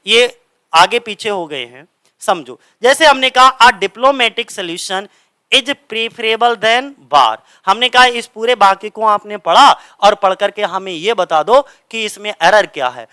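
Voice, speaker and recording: A young man teaching English grammar for exam prep, explaining step by step, asking and answering his own questions, and reading the English examples slowly. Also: high-pitched, pushed and bright, clean tone, dry recording. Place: coaching centre classroom.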